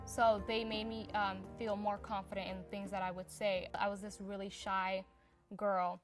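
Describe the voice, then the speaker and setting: Over music, a young adult woman from Somalia answers questions in a casual personal interview for a community profile. Her voice is medium-pitched and level at a normal speed, and she chats loosely with plenty of fillers.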